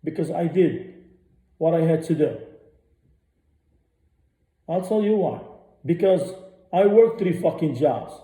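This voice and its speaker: A man rants on a radio show, blunt and profane, and he hammers his points again and again. His voice is very dark and sits a little high. The room around him sounds echoey. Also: lively intonation, takes it slowly, long pauses. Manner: blunt, profane, repeats himself. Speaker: radio host. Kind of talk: ranting monologue.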